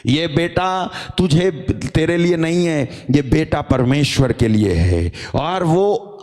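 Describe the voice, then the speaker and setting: A male pastor delivers a sermon at an unhurried pace, stacking phrase on phrase for emphasis. His voice is warm and dark, never sharp. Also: on the high side, in a large hall. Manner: emphatic, repetitive preaching.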